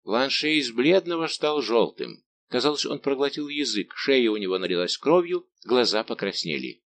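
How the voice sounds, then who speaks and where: A man narrating an audiobook in a measured, even way. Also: medium pitch. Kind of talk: scripted narration.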